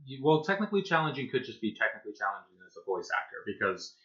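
A man's voice: medium pitch, big pitch swings, fast talker, fairly bright tone, highs cut off. A man who hosts and voices a podcast, answering questions in a rambling, filler-heavy casual way. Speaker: podcast creator and voice actor. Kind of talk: casual panel chat.

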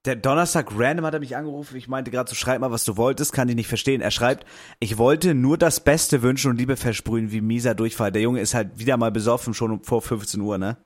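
A man's voice: mid-range voice, quick pace. A young man co-hosting a podcast in casual chat, joking with crude slang. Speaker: podcast co-host.

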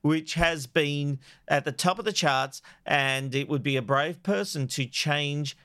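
A man's voice: on the high side, a little slow, pushed and bright, clear, resonant tone, dry recording, clean studio sound. A man hosting a media panel show, moving between chat and presenting to the listeners. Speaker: podcast host.

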